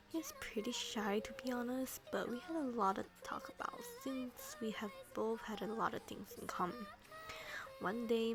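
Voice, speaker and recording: A teenage girl narrates a drawing tutorial in a casual, rambling voice-over, with hesitant restarts and chatty side stories. Her voice has a fairly high pitch, and the audio is poor, with background music clearly audible.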